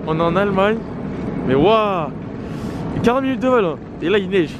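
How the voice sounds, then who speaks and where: Excitable young Frenchman vlogging. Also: sits high, normal speed, over music. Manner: excited, slangy, addresses viewers as guys. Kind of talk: casual vlog chat. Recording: loud street and traffic noise.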